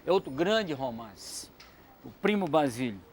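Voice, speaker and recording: A man talks through literature in a discursive, educational way, stopping for frequent asides. His voice sits a little high for a man. Faint noise hums under the recording. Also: big pitch swings, a little slow. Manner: discursive, many asides and fillers. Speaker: literature commentator. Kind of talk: educational talk.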